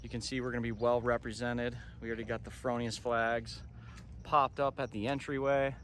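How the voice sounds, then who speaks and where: A man's voice: mid-range voice, flat delivery, moderate pace, a bit bright. An American man in his thirties talking informally to camera as a vlog host, recapping things conversationally. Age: 30s. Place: outdoors, park path and parking lot. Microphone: phone at arm's length. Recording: faint outdoor background noise.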